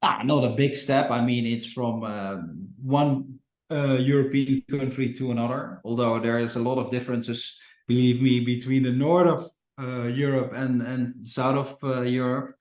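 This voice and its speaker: A Dutch-accented man speaks as a guest in a podcast interview, pausing often and restarting his sentences. His voice sits in a middle pitch. The sound is roomy, with a noticeable echo. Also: little pitch movement, a little mellow. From Netherlands. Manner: hesitant, many fillers and restarts. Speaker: company founder, guest. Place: Portugal.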